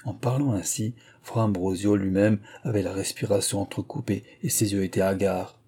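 Male narrator, measured literary read, dark and husky, a touch low. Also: steady tone. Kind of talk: scripted narration of a historical tale.

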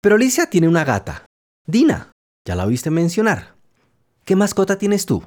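A man's voice: high voice, wildly swooping pitch, normal speed. A man, host of a children's program, narrating a storybook and talking directly to the young listener. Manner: warm, addresses listener directly. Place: home studio, dog beside him.

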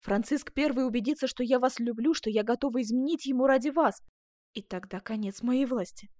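A woman's voice: mid-range voice, moderate pace, darkish tone, no echo, studio quality, lightly acted. Woman reading as a melodious anxious duchess. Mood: alarmed. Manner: melodious, pleading. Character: noble duchess, elegant, passionate, anxious.

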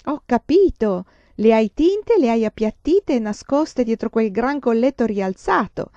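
A woman reading aloud, voicing a lively fifteen-year-old farm girl who is quick to react. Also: medium pitch, no echo, close to an everyday voice. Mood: excited. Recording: dull dry lo-fi sound.

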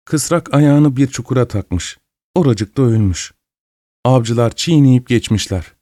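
A man's voice: medium pitch, expressive, a little slow, mellow, dry recording, clean studio sound, lightly acted. A man voicing a gossipy old spinster woman who giggles and exclaims, in a storybook reading. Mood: gossiping.

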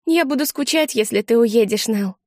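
A woman reading an audiobook and voicing a young girl, a scared schoolfriend who talks in a high, breathless, shaky way. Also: expressive, moderate pace, dry recording, clean studio sound. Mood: wistful.

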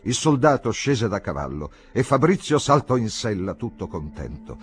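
A man reading a classic novel aloud as an audiobook, with an expressive, measured storytelling manner. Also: lowish voice, breathy edge. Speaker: audiobook reader.

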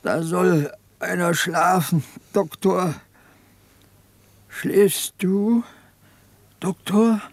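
An actor playing a guilt-ridden peasant partisan in a 1950s radio drama, speaking in a brooding, halting, pleading way. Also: male voice, high-pitched, no room sound, heavily acted. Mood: anguished.

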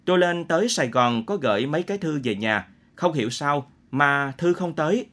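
Earnest young revolutionary, restrained and fairly high, voiced by the male narrator. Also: animated, moderate pace, a bit bright.

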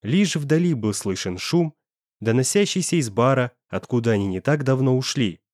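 Brief: male audiobook narrator, expressive, animated intonation, dry studio sound. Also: medium pitch, normal speed, no echo. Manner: expressive storytelling. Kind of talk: audiobook narration of a romance novel.

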